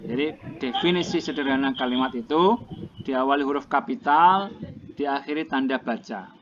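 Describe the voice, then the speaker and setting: A male teacher giving a classroom lecture, explaining slowly and repeating each point in translation. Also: mid-range voice. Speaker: English teacher. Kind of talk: classroom lecture, mixing languages. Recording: dull lo-fi classroom recording with clear noise.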